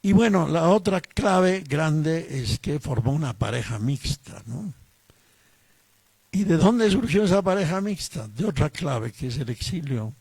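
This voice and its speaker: Gravelly man, chatty speech. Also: on the high side, animated, unhurried, darkish tone, no echo. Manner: conversational, with tag questions. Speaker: historian speaker at a book launch. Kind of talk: formal speech at a book launch.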